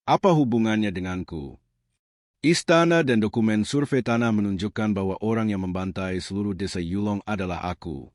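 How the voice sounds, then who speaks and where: A man doing a calm, aloof old sect master. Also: on the low side, moderate pace, no echo, studio quality, natural voice. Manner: calm, unreadable, condescending.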